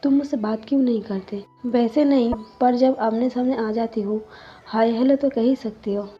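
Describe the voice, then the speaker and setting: A woman voicing a flustered young male toy shop owner, reading his lines quickly and briskly. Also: a little high, muffled recording, faint music behind, natural voice. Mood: lively.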